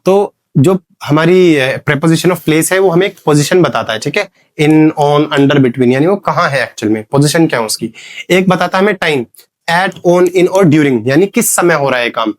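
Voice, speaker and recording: A man's voice: a little high, lively intonation, moderate pace. A man with an Indian accent teaching an English grammar lesson, explaining in Hindi, giving English examples and quizzing his students as he goes. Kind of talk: classroom lesson.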